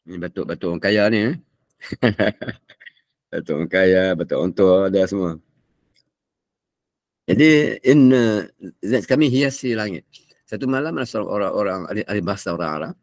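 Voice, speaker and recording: A man's voice: low-pitched, normal speed, long pauses, no echo, clean studio sound. An older man with a Malaysian Malay accent giving a morning religious lecture in a chatty, digressive way, breaking into Arabic recitation and coughing often. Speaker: religious teacher.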